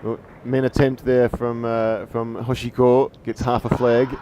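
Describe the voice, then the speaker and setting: A man with a New Zealand accent giving live sports commentary, hesitant with many fillers and trailing off quietly. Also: medium pitch, little pitch movement, unhurried, slight background noise.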